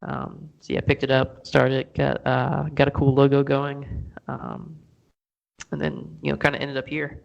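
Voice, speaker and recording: Very gravelly, casual man. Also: mid-range voice, completely flat delivery, a little slow, lo-fi sound. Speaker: podcast host being interviewed. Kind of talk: casual interview chat.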